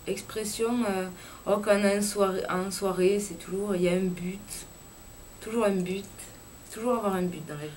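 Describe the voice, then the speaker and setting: A young woman with a southwest French accent from Lot-et-Garonne, chatting casually and frankly to her camera with lots of filler pauses. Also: medium pitch, fairly even intonation, darkish tone, slight background noise. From Lot-et-Garonne, southwest France. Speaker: YouTuber. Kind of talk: casual chat vlog.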